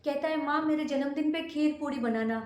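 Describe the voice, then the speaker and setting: A woman's voice: sits high, brisk, a little mellow, close to an everyday voice. A woman playing a poor, humble housemaid who speaks deferentially to her employer in a home-made short drama. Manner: deferential, addresses employer politely. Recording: echoey room.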